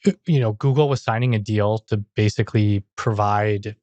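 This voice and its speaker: Chatty young podcast host, dull sound. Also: male voice, lowish voice, moderate pace, darkish tone, dry recording. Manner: chatty, questioning, uses "like" often. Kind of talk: casual podcast interview.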